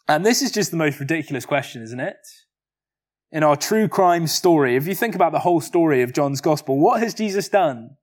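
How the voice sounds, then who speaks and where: Earnest preacher, fairly high voice. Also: male voice. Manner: earnest, measured, uses rhetorical questions. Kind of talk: expository sermon.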